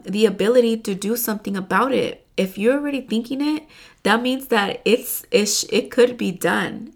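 A woman hosting a casual motivational talk, rambling with lots of fillers and frequent swearing, often calling her listeners "you guys". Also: medium pitch.

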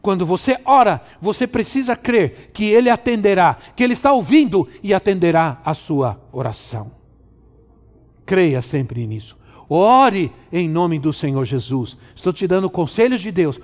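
Emphatic Brazilian pastor in an echoing hall. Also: male voice, high-pitched, animated, a little mellow. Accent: Brazilian Portuguese. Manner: drawn-out, emphatic preaching with repeated phrases. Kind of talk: sermon. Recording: long hall reverb.

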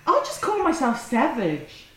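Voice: high voice, unhurried, echoey room, crowd noise, poor audio. Laughing young New co-host. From New Zealand. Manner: laughs often, animated storytelling. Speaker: podcast co-host. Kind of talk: casual chat.

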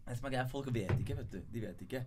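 A man's voice: mid-range voice, noisy background. A young man from Norway, a guest comedian, telling stories in a casual podcast chat with playful bravado. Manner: animated storyteller, playful bravado.

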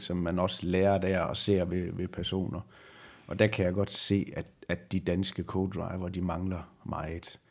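Gravelly deep-voiced man, slow and halting. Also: darkish tone. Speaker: retired rally driver as guest. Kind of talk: conversational interview.

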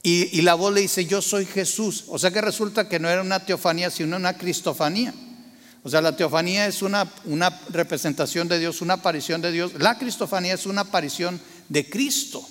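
A man's voice: high-pitched, a little fast, fairly bright tone, long reverb tail. A man preaching a sermon, asking the congregation questions and acting out quotes. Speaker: pastor.

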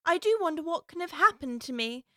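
Curious chatty little girl musing to herself, a woman voicing her, high and bright, dry sound. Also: lively intonation, a little fast, dry recording, exaggerated voice. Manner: musing aloud to herself, prim and wondering.

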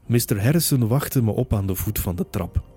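A man narrating a first-person novel in a measured, steady storytelling manner. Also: on the low side, husky, soft background music. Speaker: audiobook narrator.

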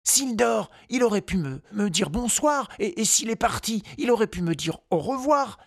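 A man's voice: high-pitched, big pitch swings, normal speed, vocal fry, dry recording, studio quality, heavily acted. Man voicing a curious, earnest little boy. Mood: puzzled. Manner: wondering, questioning. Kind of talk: storybook reading.

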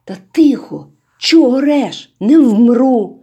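A woman voicing a stubborn teenage village boy who brushes things off gruffly in a storybook reading. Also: a little high, animated, slow, warm tone, lo-fi sound, pitched above the performer's own voice, heavily acted. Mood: irritated.

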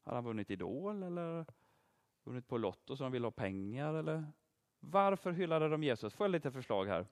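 A man giving an interactive Bible teaching, quizzing his listeners and praising their answers. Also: medium pitch. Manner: lively, asks the audience questions and praises answers. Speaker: preacher teaching a group.

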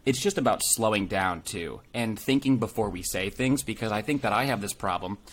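A man's voice: lowish voice, a little fast, fairly bright tone. A man co-hosting a casual podcast, talking earnestly and rambling, often restarting his phrases. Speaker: podcast co-host.

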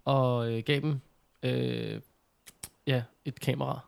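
A man in casual conversation, telling things in an informal, animated way with mild slang. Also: mid-range voice, creaky, clean tone. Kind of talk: casual chat.

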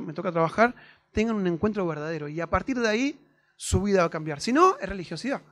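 A young man with a Rioplatense Spanish accent, preaching a sermon in a conversational, storytelling way, full of fillers and tag questions. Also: high-pitched.

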